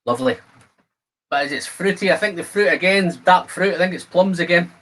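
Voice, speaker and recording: A Scottish man in his fifties hosts a live stream, chatting casually and greeting viewers by name. His voice sits high, with a fairly quick pace and a fairly bright tone.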